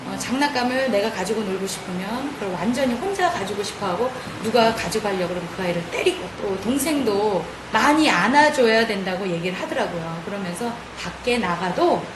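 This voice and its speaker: Woman, earnest testimony, higher voice, roomy sound with noisy background. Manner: earnest, moved, recounting her child's change. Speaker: mother in a video clip. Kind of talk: testimony interview.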